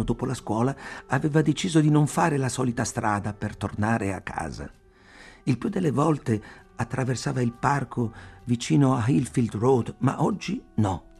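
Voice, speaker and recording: A man narrating an audiobook in a measured, deliberate way. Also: mid-range voice, creaky, a little mellow, husky.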